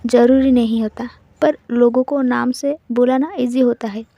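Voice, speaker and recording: A woman voicing a caring, earnest young woman medical intern who talks gently and politely with concern. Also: a little high, fairly even intonation, normal speed, no room sound. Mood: caring, gentle.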